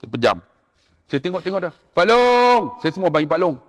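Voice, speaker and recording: A male preacher with a Malaysian Malay accent telling a story in a sermon, animated and acting out the people in it. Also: fairly high pitch, fast talker, long reverb tail. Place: mosque.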